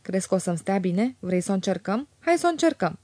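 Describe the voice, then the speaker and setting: A woman voicing a lively, teasing young woman in an audiobook, her tone lifted and bright with chatter. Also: medium pitch, no room sound. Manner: bright, teasing, quick to laugh.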